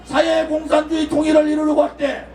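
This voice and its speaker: A man giving an impassioned political rally speech outdoors, shouting slogans and leading the crowd in call-and-response chants. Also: very high voice, completely flat delivery, brisk. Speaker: political party speaker at a rally. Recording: echoey, distant, with crowd noise.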